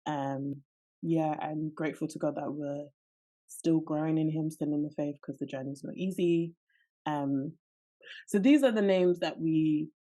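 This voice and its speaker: A woman in her late twenties with a notably low voice, co-hosting a podcast. She talks in a relaxed, chatty way and laughs easily. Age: 20s. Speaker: podcast co-host. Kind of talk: casual chat.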